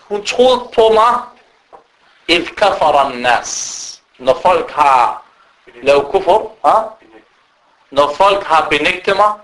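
A man giving an animated sermon as a preacher, breaking into recited Arabic quotations. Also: a little high, rough recording. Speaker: Islamic preacher.

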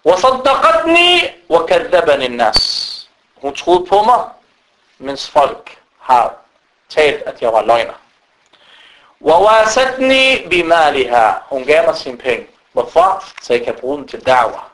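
A man giving an animated sermon as a preacher, breaking into recited Arabic quotations. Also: medium pitch, low-quality recording. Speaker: Islamic preacher.

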